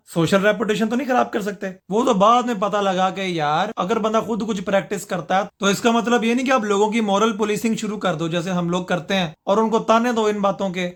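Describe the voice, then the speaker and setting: A man from Pakistan in his thirties with a Pakistani Punjabi accent, telling a comic story in an animated, sarcastic manner. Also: sits high. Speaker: vlogger.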